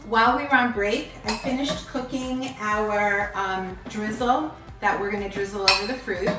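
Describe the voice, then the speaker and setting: A woman's voice: medium pitch, normal speed. A woman hosting a casual cooking show, explaining each step in a kitchen. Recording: echoey room, mic far off, background music.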